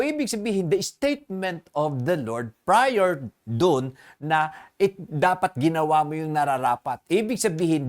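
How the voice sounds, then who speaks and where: A preacher delivering a sermon to a congregation, with a lively voice that rises and falls a lot. The talk is full of questions put to the listeners, and scripture lines are drawn out slowly for weight. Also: mid-range voice. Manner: asks the congregation rhetorical questions; mixes English phrases into Tagalog.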